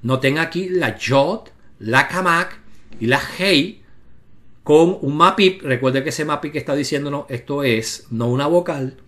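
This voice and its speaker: A man's voice: fairly high pitch, unhurried, a bit bright. A man teaches a Bible lesson. He goes through Hebrew letters and names one at a time, steering his viewers' attention to each one. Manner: explains step by step, points at on-screen letters. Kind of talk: lecture on Hebrew grammar.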